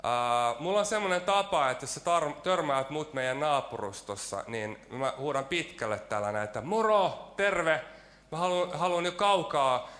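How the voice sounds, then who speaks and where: A man's voice: fairly high pitch, animated, few pauses, fairly bright tone. A man preaching a sermon in a church, telling a personal story with self-mocking jokes and frequent hesitant fillers.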